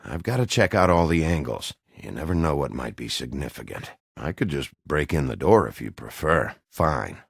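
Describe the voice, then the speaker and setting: An actor playing a gruff, brooding wolf detective in a video game, with a gravelly, husky low voice and a terse, dry delivery. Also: male voice, big pitch swings, normal speed, few pauses, no echo, full character voice. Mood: guarded, dry. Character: gruff, brooding big bad wolf detective, adult man, dogged. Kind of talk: video game dialogue acting.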